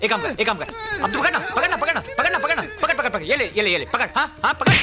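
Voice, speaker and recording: A man's voice: very high voice, very animated, rapid-fire, music in the background. An actor playing a cruel, mocking male kidnapper who taunts by repeating words. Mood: taunting. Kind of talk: Hindi film comedy acting.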